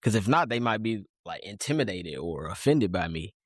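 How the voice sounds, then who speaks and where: A man's voice: lowish voice, sing-song, normal speed, no echo, studio quality. A man co-hosting a podcast, casual and agreeable, who chats in slang and laughs easily. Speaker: podcast co-host. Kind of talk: casual conversation.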